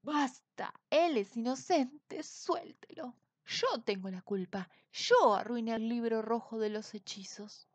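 A woman's voice: medium pitch, measured pace, dry recording, lightly acted. A woman voicing an ugly blue man full of remorse, pleading and apologizing.

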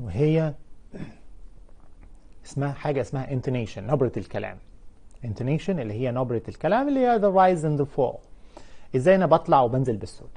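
Lively mellow Egyptian English teacher. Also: male voice, medium pitch. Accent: Egyptian Arabic. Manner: explains in Arabic, drawing out English example words slowly. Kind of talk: televised live English lesson.

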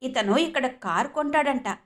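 A woman's voice: high voice, animated, moderate pace. A woman voicing a scornful male security guard who mocks. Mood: mocking. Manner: mocking.

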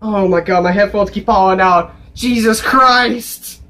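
A young man reacting to a video game trailer, excitable, yelling and cursing. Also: high voice, fairly quick, slight background noise.

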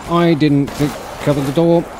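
A video game streamer in his thirties talks casually, crossly and with plenty of cursing while seated at his setup in an indoor room, right up on the mic. His slightly high voice holds a steady tone at a normal speed. The background is noisy, with game music and sound effects.

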